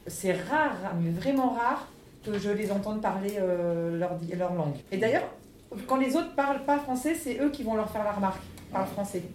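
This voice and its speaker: A woman's voice: mid-range voice, animated, moderate pace, a little mellow. A woman teacher answering interview questions in a chatty, teasing way, laughing often. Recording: echoey room, distant mic, faint noise.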